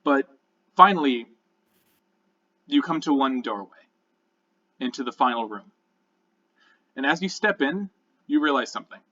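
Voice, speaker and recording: A man working as game master, narrating a dark tabletop adventure in an ominous, deliberate storytelling manner. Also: medium pitch, animated, far from the mic, highs cut off.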